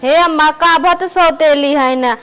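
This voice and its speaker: A woman with an Awadhi accent acting a kind young daughter-in-law who gently reasons with her mother-in-law in a family comedy skit. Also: high-pitched, measured pace, low-quality recording. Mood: coaxing. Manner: gently persuasive.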